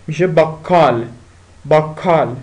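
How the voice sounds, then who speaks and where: Male tutor with a slightly high voice, drilling vocabulary through repetition and chatty asides. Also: darkish tone. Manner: repeats each word slowly, explains with pauses and fillers. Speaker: language teacher. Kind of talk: spoken language lesson.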